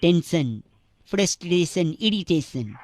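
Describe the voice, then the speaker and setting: A man's voice: on the high side, lively intonation, slow pace, a little mellow. A man voicing Bauaa's kind of character, a nagging, mischievous prank caller who cheekily insists and repeats himself in comedy radio calls. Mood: pestering, insistent.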